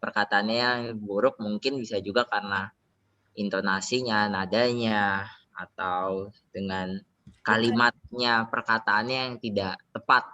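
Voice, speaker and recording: A man's voice: lowish voice, steady tone, a little slow, bright, forceful tone. A man with an Indonesian accent in a study group, hesitantly searching for his words. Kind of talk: casual discussion. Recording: dull online call audio with faint noise.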